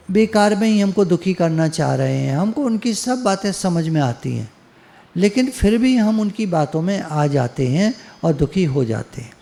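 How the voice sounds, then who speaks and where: A man's voice: a little high, vocal fry, warm tone. A man telling a parable and drawing a spiritual lesson in a plain, conversational way. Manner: plain conversational storytelling, repetitive. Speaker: spiritual speaker. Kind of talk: spoken parable and satsang talk.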